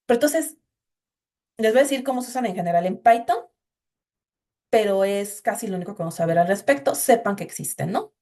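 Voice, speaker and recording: A woman's voice: mid-range voice, animated, a little fast, pauses often, mellow. A woman giving an informal, explanatory recorded programming class and talking directly to her students. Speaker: instructor.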